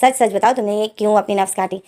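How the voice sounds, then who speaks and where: A woman's voice: mid-range voice, steady tone, fast, warm tone, natural voice. A woman voicing a stern mother who scolds and threatens her son in a told fanfiction story. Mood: angry scolding.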